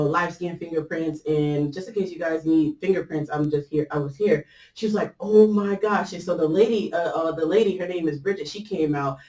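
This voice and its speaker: A woman's voice: on the low side, far from the mic. A woman casually telling a personal faith story, chatty and loose, with lots of fillers and easy laughter. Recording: echoey room, voice set back from the mic.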